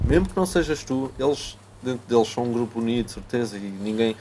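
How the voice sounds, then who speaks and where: Slangy young man over loud noise. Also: medium pitch, animated, fast talker. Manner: slangy, hedging, self-interrupting. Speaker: rapper. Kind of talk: casual banter between friends. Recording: loud background noise with clicks.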